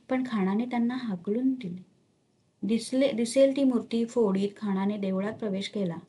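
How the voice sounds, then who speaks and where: A woman narrates a historical novel with steady, dramatic storytelling. Her voice is husky and somewhat breathy, pitched in a middle range.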